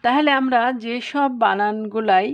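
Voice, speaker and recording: Woman teacher, slightly high voice, patient, stretches out example words. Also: highs cut off. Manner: patient, explains step by step, drawn-out example words. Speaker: Bengali pronunciation teacher. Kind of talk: spoken lesson.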